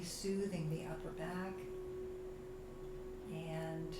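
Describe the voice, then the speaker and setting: Slow, echoey woman guiding yoga relaxation. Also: lowish voice, background noise. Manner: soothing, unhurried, with long pauses. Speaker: yoga teacher. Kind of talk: guided relaxation yoga instruction. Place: living room at home, lying on floor mat. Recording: echoey room from a distance, music behind. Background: music.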